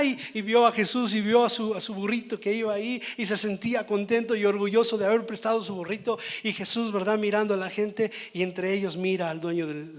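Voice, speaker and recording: A male pastor preaching a sermon, often pausing to ask the congregation for an amen. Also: high-pitched. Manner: repetitive, calls for amens and answers.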